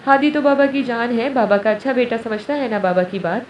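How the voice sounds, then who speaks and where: A woman narrator voicing an indulgent father who speaks tenderly and teases gently, recorded distant in a roomy space. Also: extremely high pitch. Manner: tender, coaxing. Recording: roomy, distant, dull, faint hiss.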